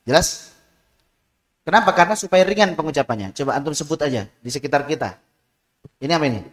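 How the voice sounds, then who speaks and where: Teacher drilling letter sounds in a hall. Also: male voice, fairly high pitch, lively intonation, quick pace. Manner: drills letter sounds aloud, asks students to repeat. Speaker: Quran recitation teacher. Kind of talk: tajwid lesson.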